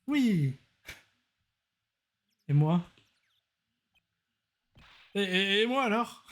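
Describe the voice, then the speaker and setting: A streamer voicing a bubbly teenage girl magician sidekick from a courtroom game, pitched high and eager. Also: expressive, extremely slow. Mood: chirpy. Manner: high chirpy eager delivery.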